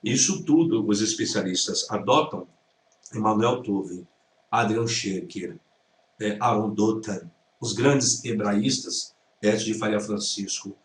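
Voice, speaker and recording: A man's voice: fairly low pitch, takes it slowly, a little hiss or hum. Man correcting a video in a lecture. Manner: didactic, corrective, repeats pronunciations. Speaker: Hebrew teacher reacting to a video. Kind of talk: critical lecture commentary. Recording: roomy sound from a distance.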